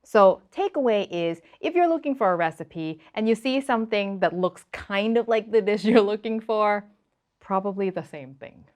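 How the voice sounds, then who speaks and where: A woman from Thailand with a Thai accent, a cooking channel host explaining things casually to camera with exasperated asides. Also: normal speed. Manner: animated, exasperated asides, rising pitch for quoted viewers.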